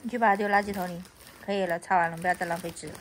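A woman's voice: on the low side, steady tone, racing, a little hiss or hum. A woman from Anhui scolding her toddler at home, repeating baby talk. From Anhui, China.

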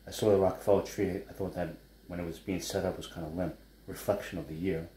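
In a living-room kitchen setup, a New York-accented man in his fifties stirs a wok and chats loosely about cooking and running his small business. A chef and food blogger, he has a low, warm, steady-toned voice and talks quickly; the room sounds roomy.

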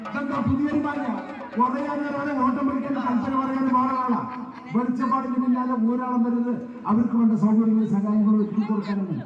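A man's voice: extremely high pitch, steady tone, brisk. A man acting in a comic folk play as a fussy villager who declaims repetitive grievances to an oracle. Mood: pleading. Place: live folk stage performance. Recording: echoey distant PA, dull sound.

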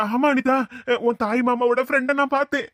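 A woman with a high voice plays a nervous young man in a cartoon who is hiding from an uncle he fears. Speaking fairly quickly in a steady, lightly acted tone, she sounds anxious and hesitant, full of fillers, with a Tirunelveli Tamil accent.

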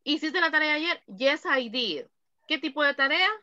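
A woman's voice: sits high, lively intonation, bright, forceful tone, no room sound, highs cut off. Woman, English teacher, patient explaining, dry close sound. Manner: patient, explains slowly, repeats examples. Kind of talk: online class instruction.

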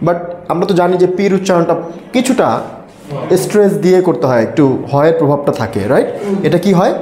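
A man's voice: fairly high pitch, a little fast, dark tone. A man with a Bangladeshi Bengali accent teaching English pronunciation to a live class. He quizzes the students and has them repeat words after him. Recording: echoey classroom.

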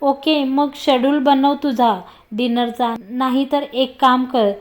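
Woman reading as snappish, irritated young woman; high voice. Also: steady tone, slow pace. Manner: snappish, annoyed.

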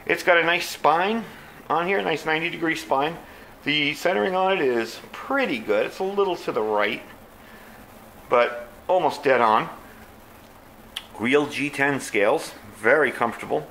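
A man's voice: fairly high pitch, moderate pace, fairly bright tone, slight background noise. Easygoing man reviewing knives. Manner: easygoing, plainspoken, frequent fillers. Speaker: knife reviewer. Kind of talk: casual product review.

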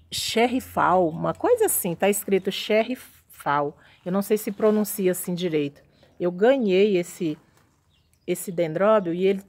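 A woman giving a casual walking tour of her home orchid house, chatting admiringly as she shows her plants to viewers. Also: mid-range voice. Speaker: orchid grower vlogger.

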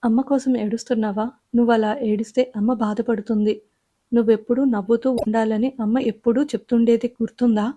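Brief: woman reading as a worried widowed father, coaxing and evasive, slightly high, mellow voice in a spoken audio story. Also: steady tone, a little fast, lightly acted. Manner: coaxing, then turns stern.

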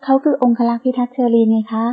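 A woman's voice: a little high, flat delivery, fast, natural voice. A woman reading the part of a young heroine who has lost her memory in an audiobook novel, earnest and questioning. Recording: tinny phone-like sound.

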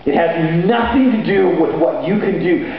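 A middle-aged man preaching a sermon on stage with a handheld mic, energetic and sometimes shouting as he paces. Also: sits high, moderate pace. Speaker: pastor. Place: large hall stage with band gear, seen from far off. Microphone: handheld mic, far camera. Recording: echoey hall from far off, dull audio, faint noise.

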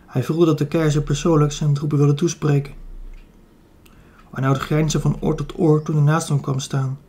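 A man reading a children's adventure audiobook aloud. His voice sits fairly high but stays flat and even, with a mellow, somewhat husky timbre. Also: normal speed. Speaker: audiobook reader. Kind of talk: scripted narration of a children's novel.

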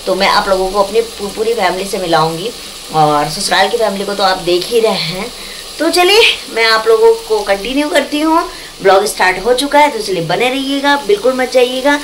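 Over background music and some noise, a young vlogger with a medium-pitched, lively voice speaks at a normal speed in a home vlog. She chats easily with her viewers, calling them "guys," and tells them about her day and her family.

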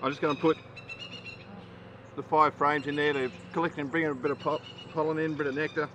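While working hives in his backyard apiary, a hobbyist talks a little fast in a fairly high voice, keeping things chatty and um-filled for a casual how-to video. Faint noise and a neighbour's lawnmower come through the slightly dull outdoor audio.

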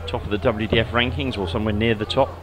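This man co-commentates on darts live, keeping his remarks short, understated and conversational. His voice is fairly low, steady and quick. A crowd murmurs behind him in a noisy venue.

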